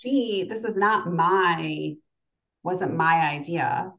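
A woman's voice: lowish voice, slow pace, a bit bright, dull audio. A woman in her forties chatting casually and reflectively as a podcast guest, often checking in with "right?" and "you know". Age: 40s. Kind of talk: casual, reflective personal chat.

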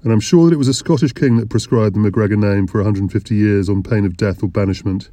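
A man's voice: on the low side, quick pace, warm tone, no echo, natural voice. A man voicing a jovial, portly, middle-aged English innkeeper with a broad Lancashire accent and a teasing, conspiratorial manner.

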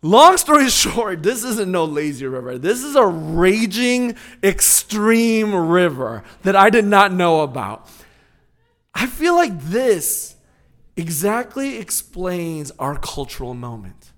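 Male pastor, forties, slightly raised pitch, conversational storytelling sermon. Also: slow. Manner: storytelling, animated, conversational asides.

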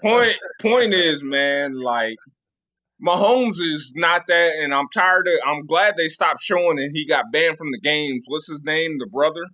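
A man's voice: a little high, measured pace, pushed and bright, no room sound, muffled recording. A man co-hosting a podcast, arguing contrarian football takes in a casual, stammering way. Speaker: podcast co-host. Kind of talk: casual sports debate.

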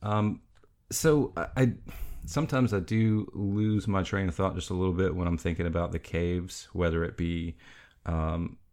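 A man's voice: sits low, steady tone, moderate pace, a little mellow. A man in his thirties hosting a podcast, chatting casually about a film, rambling with frequent laughs and restarts. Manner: rambling, laughs often, many restarts and fillers. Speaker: podcast host.

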